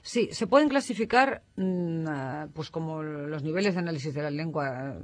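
Expert guest, man, somewhat high-pitched, teaching tone, checks in with listeners, fixes slips as he goes. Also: normal speed. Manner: didactic, tags statements with "¿no?", corrects himself mid-sentence. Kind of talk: explanatory radio talk.

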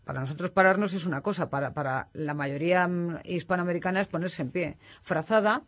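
A man's voice: sits high, fairly quick, a bit bright. A man from Spain, explaining as an expert guest on a radio talk show, in a didactic manner that often tags statements with a questioning "no". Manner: didactic, tags statements with "¿no?", corrects himself mid-sentence.

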